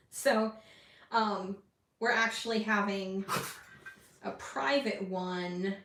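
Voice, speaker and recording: A woman's voice: medium pitch, a bit bright, distant mic, a little hiss or hum. Chatty crafting vlogger, woman, rambling, self-deprecating, mic set back in an echoey room. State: hiccuping. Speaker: scrapbooking vlogger. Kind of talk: casual chat while crafting.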